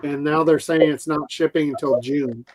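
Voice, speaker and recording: A man's voice: fairly high pitch, steady tone, moderate pace, darkish tone. A man chatting casually with friends on a live toy stream, rambling through his story.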